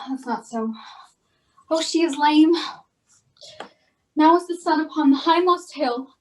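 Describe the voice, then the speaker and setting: Woman as impatient young girl, very high, slow, pleading, set back from the mic. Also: far from the mic, low-quality recording. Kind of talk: amateur Shakespeare reading.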